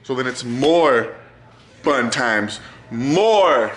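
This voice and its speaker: A young vlogger in his twenties jokes and teases while chatting to his handheld camera, held at arm's length in a small apartment. He speaks very slowly yet animatedly, in a mid-range voice with a fairly bright tone.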